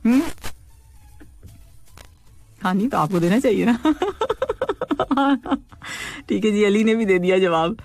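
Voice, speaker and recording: A woman's voice: medium pitch, sing-song, slow pace, long pauses, a little mellow. A woman hosting a radio call-in show, reading listeners' messages and teasing them playfully, laughing often. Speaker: radio host.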